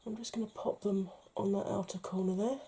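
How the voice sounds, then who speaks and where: A British woman talking through a makeup tutorial, chatty and playful, often dropping to a soft murmur. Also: medium pitch, steady tone, fairly quick, a little hiss or hum. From United Kingdom. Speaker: beauty vlogger.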